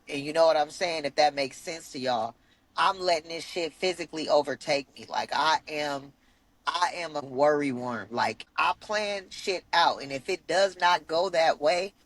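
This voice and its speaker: A woman co-hosting a podcast in casual chat, candid and venting, swearing freely. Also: sits low. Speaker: podcast co-host.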